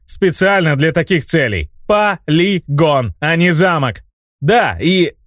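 A defiant young baron shouts back at his old mentor in a raised, heated voice, voiced by a male audiobook reader. His retorts are cutting and sarcastic, caught close and dry with no room sound. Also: fairly high pitch, expressive, slow, no room sound, voice pushed up. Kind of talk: audiobook character voice.

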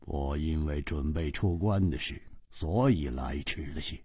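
A man voicing a cold, calm male wanderer in a storytelling performance, speaking low, soft and unhurried. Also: slightly rough, no room sound, clean studio sound, full character voice. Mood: cool.

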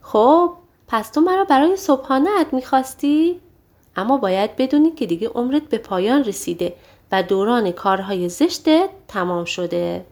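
A woman voicing a brave, clever young male giant-slayer who shouts boldly and eagerly in a storybook reading. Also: high-pitched, animated, few pauses, voice pushed up. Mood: taunting.

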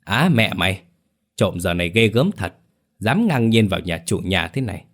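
A narrator puts on a hot-tempered village man. He swears in a low, rough voice, spitting abuse in rapid bursts. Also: big pitch swings, full character voice. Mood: furious. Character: hot-tempered, foul-mouthed middle-aged village man.

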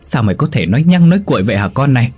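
A man voicing a furious young mother who hisses rapid scolding at her daughter. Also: medium pitch, sing-song, a little mellow, slightly rough, faint music behind, voice pushed up.

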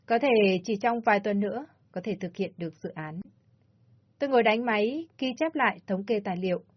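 A woman narrating a first-person story in a soft, subdued storytelling manner. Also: medium pitch. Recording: slightly dull lo-fi audio.

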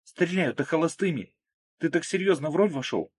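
A man reading aloud, voicing a young woman in a raised, breathy voice. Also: a little high, lively intonation, brisk, voice pushed up. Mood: coaxing. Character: young woman, playful then frightened.

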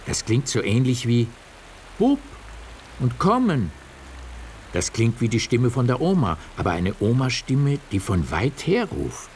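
A man narrating a children's radio story in an expressive storytelling manner. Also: mid-range voice, a little slow, slight background noise.

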